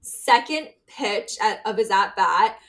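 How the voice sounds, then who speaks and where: A woman co-hosting a sports podcast in casual chat, emotional and quick to laugh. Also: medium pitch, lively intonation, a bit bright. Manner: emotional, chatty, laughs often. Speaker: podcast co-host.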